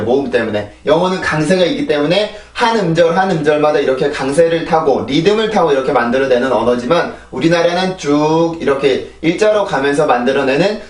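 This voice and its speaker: A man's voice: on the high side, reverberant, distant mic. A man with a Korean accent teaching English pronunciation, explaining patiently and drilling words in repeated sets. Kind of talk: pronunciation lesson. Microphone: clip-on mic on a phone camera.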